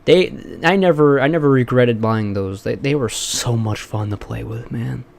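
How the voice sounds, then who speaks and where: A man's voice: mid-range voice, normal speed, gravelly. A man in his twenties hosting a casual podcast chat, rambling and swearing with lots of fillers and restarts. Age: 20s. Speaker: podcast host.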